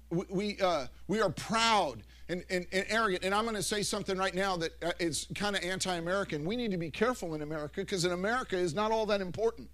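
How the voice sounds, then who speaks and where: High-voiced rambling male preacher. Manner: rambling, animated storytelling with many restarts. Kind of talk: anecdotal sermon.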